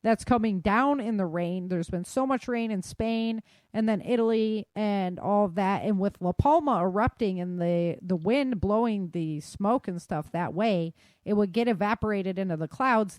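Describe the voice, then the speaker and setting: Speaking at a moderate pace in a medium-pitched, slightly mellow voice, an American woman runs a podcast with no room sound. Her unscripted news talk is relaxed, conversational, and self-deprecating.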